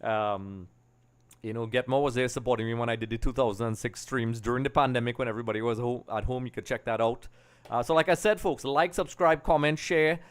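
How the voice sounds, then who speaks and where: Here a middle-aged Trinidad and Tobago man speaks briskly, his mid-range voice clear and resonant. He's a livestream host casually rambling to viewers over a football watch-along, recording in a small home streaming room on a boom-arm desk microphone.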